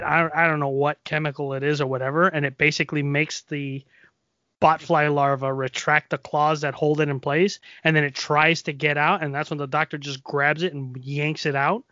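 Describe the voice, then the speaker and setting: A man with a nasal, somewhat high voice rambles casually through a podcast story, full of fillers. The sound is dry and a little dull. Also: steady tone, normal speed, sharp tone, dry recording. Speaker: podcast co-host. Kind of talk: casual chat. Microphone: XLR microphone.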